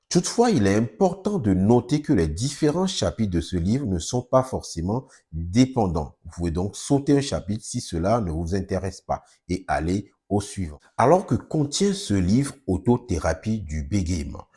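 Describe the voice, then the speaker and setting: Low husky-voiced man explaining. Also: big pitch swings, normal speed, few pauses, mellow. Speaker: speech therapist presenting his book. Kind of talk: explanatory video presentation.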